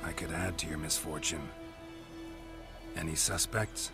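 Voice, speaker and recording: An actor playing a gruff, deadpan monster hunter with a deep, gravelly voice in video game dialogue. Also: male voice, unhurried. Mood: flat. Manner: curt, deadpan. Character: gruff monster-hunter, middle-aged man, dry and stern. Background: game music.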